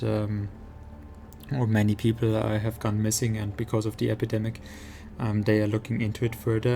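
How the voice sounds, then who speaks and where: A man giving casual gameplay commentary as a streamer, halting as he thinks aloud. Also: fairly low pitch, gravelly, warm tone. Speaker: game streamer. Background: game music.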